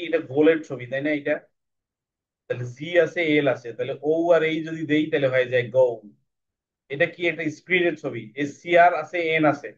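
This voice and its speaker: A man teaching an English lesson, explaining step by step and often checking that the listener follows. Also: a little high. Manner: explanatory, repeats "ঠিক আছে?" to check in. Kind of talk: spoken classroom lesson. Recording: dull lo-fi audio.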